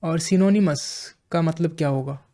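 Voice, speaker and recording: A man with an Indian accent and a mellow voice on the high side explains English vocabulary slowly in a classroom-style lesson, repeating phrases and checking in with the people listening.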